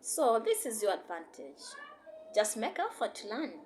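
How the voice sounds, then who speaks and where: Her fairly high voice swings hugely in pitch as this Tanzanian teacher of Swahili and English moves at a moderate pace through an encouraging online lesson. She code-switches and repeats herself often. The tone is a little mellow, with slight background noise.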